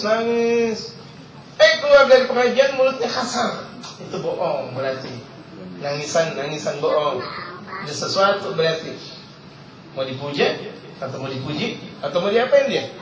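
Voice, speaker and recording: High-voiced man preaching in a roomy hall. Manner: reads Arabic text then explains it in casual speech; repeats key phrases for emphasis. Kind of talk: religious lecture. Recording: roomy, distant, dull lo-fi sound.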